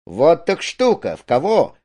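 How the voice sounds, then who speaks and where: A man voicing a boisterous, mocking carousing man who talks loudly and teases. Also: on the high side, huge pitch swings, measured pace, husky, pitched above the performer's own voice, exaggerated voice. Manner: loud, brash, teasing.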